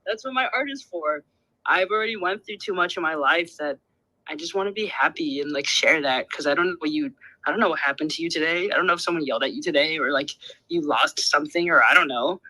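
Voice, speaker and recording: A young man, an artist and guest, chatting in a bubbly, fast way with frequent laughs and many fillers. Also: fairly high pitch, pushed and bright, rough recording. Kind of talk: casual chat on a podcast.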